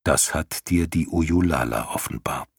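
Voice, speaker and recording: A man voicing a wise, calm old male luck dragon in an audiobook reading, speaking patiently and persuasively. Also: extremely low pitch, measured pace, creaky, breathy edge, no echo, clean studio sound, exaggerated voice. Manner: patient, reasoning, gently persuasive.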